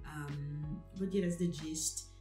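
A woman's voice: deep voice, steady tone, slow pace, mellow, roomy sound, soft background music, poor audio. A young woman chatting casually to camera in a rambling, self-deprecating way, with many fillers. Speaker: vlogger. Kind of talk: casual vlog chat to camera.

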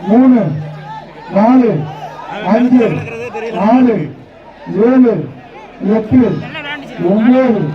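A bull-taming event announcer shouts rapid-fire calls over a public address system at an outdoor arena, repeating words as he commentates live. His high, strained voice keeps fairly even intonation over music. The loudspeaker sound is distant, echoey and muffled, with crowd noise around it.

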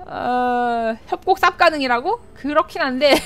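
A woman streaming a game live, excitable, often shouting and laughing and answering her chat. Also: sits high. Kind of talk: live gameplay commentary. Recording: game music playing clearly behind. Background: game music.

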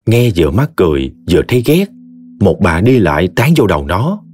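A man with a Southern Vietnamese accent narrating a story in an expressive, folksy way. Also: deep voice, a little fast, faint music behind.

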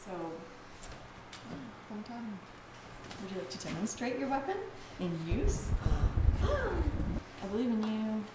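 A woman's voice: on the high side, big pitch swings, slow, pauses often, very noisy. A woman in her thirties chatting playfully while she renovates an empty house, filming herself with a handheld camera. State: tired from work. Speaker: home renovation vlogger. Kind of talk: casual vlog narration. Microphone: handheld camera held close. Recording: echoey empty room with music.

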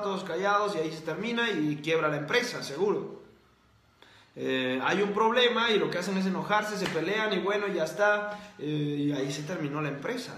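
Emphatic high-voiced man in echoey room. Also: sharp tone. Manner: emphatic, rhetorical questions, drawn-out stresses. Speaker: host. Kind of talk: motivational book-review monologue.

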